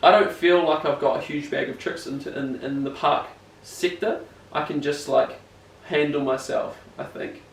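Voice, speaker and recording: A man's voice: on the high side, fairly even intonation, normal speed, gravelly. A young man with a broad New Zealand accent chatting casually as an interviewed rider, rambling, slangy and self-deprecating. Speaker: BMX rider being interviewed. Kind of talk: casual chat. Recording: echoey room, distant mic, faint noise.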